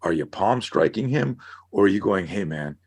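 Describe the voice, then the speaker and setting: A middle-aged man on a podcast, an animated storyteller who acts out scenarios as he talks. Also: lowish voice, normal speed, vocal fry, husky. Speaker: guest, self-defense instructor. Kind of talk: casual podcast conversation.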